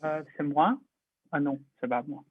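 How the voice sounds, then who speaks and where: A man's voice: on the high side, measured pace, husky, no room sound. A man whose first language is Chinese, carefully reading a French text aloud with fillers, over tinny video-call audio.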